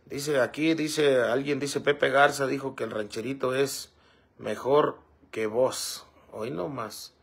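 Gravelly husky man chatting. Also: medium pitch, steady tone, takes it slowly. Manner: rambling, fillers like "este" and "¿verdad?". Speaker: livestream host reading comments. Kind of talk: casual livestream chat.

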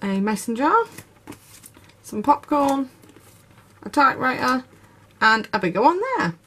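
A woman's voice: sits high, animated, a little slow, fairly bright tone, husky. A woman, narrating a craft unboxing video with gushing enthusiasm. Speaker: craft YouTuber. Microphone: camera over tabletop, speaker off screen.

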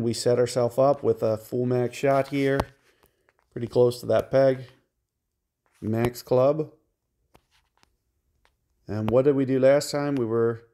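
A man narrates his mobile golf game in a steady, methodical way, breaking down each shot's numbers for his viewers. His voice is gravelly and mellow, sitting at an ordinary middle pitch. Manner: calm, methodical explaining of shot calculations. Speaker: game guide creator. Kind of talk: mobile game walkthrough commentary.

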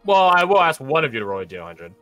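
A man's voice: fairly high pitch, big pitch swings, racing, sharp tone, faint music behind. A young man in casual chat, telling a rambling story and running a tabletop game as game master, with lots of fillers and restarts.

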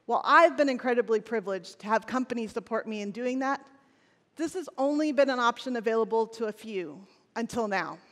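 A woman's voice: a little high, expressive, a little fast, fairly bright tone. A woman in her forties on a large conference stage, giving a scripted, earnest keynote with a few restarts. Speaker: keynote presenter. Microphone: headset or lapel mic on stage. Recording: long hall reverb.

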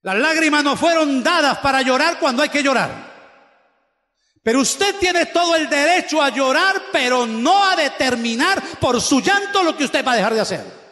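A male pastor delivers an impassioned, exhorting sermon, pressing his points by repeating them. His voice sits unusually high for a man. The sound rings through a church hall with a long, roomy reverb. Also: lively intonation, normal speed, sharp tone. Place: church sanctuary.

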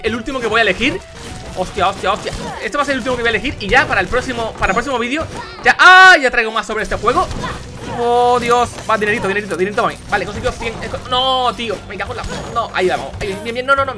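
A young man with a Spanish accent commentating a video game he is playing, casual, excitable, shouting and swearing when things go wrong. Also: extremely high pitch, fast talker, over music. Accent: Spain. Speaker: gaming youtuber. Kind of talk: casual let's play commentary.

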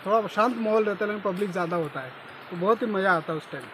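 A hoarse man co-hosting a travel vlog outdoors, talking loudly over a waterfall. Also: high-pitched, rapid-fire. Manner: loud, speaking over the noise. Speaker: vlog co-host. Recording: noisy outdoor recording.

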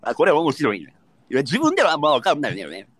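A young man with a Kansai accent chatting casually as a livestream host, joking and excitable. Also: fairly high pitch, fast, a crowd in the background. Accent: Kansai Japanese. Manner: excitable, jokey, yells during game moments.

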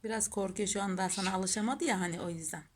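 Speaking quickly at a medium pitch, this woman runs a pet channel and is recording a relaxed home vlog. She showers her cats with adoring baby talk and chats easily with the people watching.

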